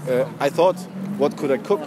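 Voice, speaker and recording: A man's voice: on the high side, moderate pace. A young man telling long-winded, pointless stories to passersby, full of fillers and carrying on over interruptions. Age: young adult. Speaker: street prankster. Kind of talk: rambling, deliberately pointless storytelling to passersby. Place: outdoors on a busy city street. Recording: noisy busy street, traffic ambience.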